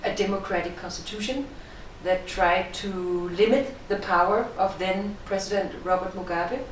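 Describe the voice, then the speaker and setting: A middle-aged woman from Denmark with a Danish accent, a film director giving measured, thoughtful interview answers. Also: medium pitch, slight background noise. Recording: echoey room, distant mic.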